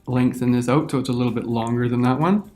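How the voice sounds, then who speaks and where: A man teaching a screen-recorded software tutorial, talking through each step as he clicks. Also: mid-range voice, steady tone, fast talker, faint music behind.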